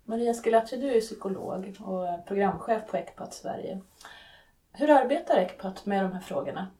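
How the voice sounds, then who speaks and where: Mellow-voiced woman podcast host, slightly distant. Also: medium pitch, animated. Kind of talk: scripted podcast intro and interview questions.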